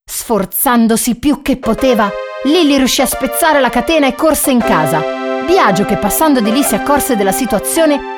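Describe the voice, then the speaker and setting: A woman narrating a children's storybook in an expressive, animated way. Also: on the high side. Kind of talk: storybook reading. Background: background music.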